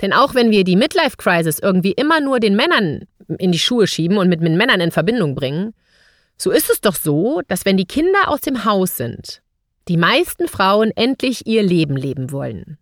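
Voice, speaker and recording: A woman's voice: medium pitch, very animated, normal speed, no echo, studio quality. A woman hosting a podcast, speaking straight to the listener in a scripted monologue full of rhetorical questions. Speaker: podcast host.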